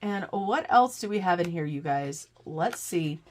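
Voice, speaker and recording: A woman's voice: lowish voice, expressive, unhurried, a little mellow, slight background noise. A middle-aged woman hosting a casual budgeting vlog, congested from a cold, chatting to viewers as "you guys" while faint clicks sound behind her. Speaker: budgeting channel host.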